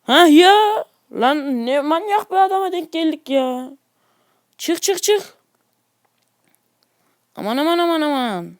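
Male gaming YouTuber, high voice, dry close sound; loose, excitable play-by-play with grumbling asides. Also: slow pace, pauses often, no echo. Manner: excitable, grumbling at the game, chatty asides to viewers. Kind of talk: casual mobile gameplay commentary.

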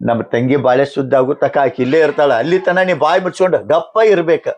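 A man with a North Karnataka Kannada accent playing a stern elder brother and husband who rebukes his wife and gives gruff orders. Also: a little high, fast talker, close to an everyday voice. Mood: rebuking.

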